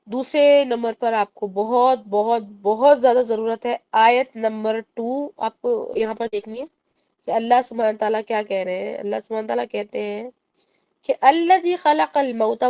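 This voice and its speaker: A tajweed teacher gives an online Quran recitation lesson, her voice on the high side with a dark tone and no room sound. She explains in Urdu mixed with English and recites the Arabic slowly, drawing it out.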